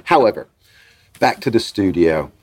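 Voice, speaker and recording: A man with a very low voice recalls life in recording studios as an interview guest. He tells his stories with energy, slips into the voices of the people he quotes and laughs along the way. The tone stays relaxed and conversational. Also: moderate pace. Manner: lively storyteller who acts out quotes and laughs often. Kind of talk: anecdotal interview chat.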